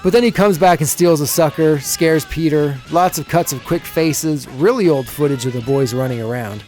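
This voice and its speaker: A man's voice: on the high side, normal speed, a little mellow, faint music behind. A man co-hosting a podcast, recapping an episode in a casual, chatty way and often chuckling as he goes. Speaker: podcast co-host.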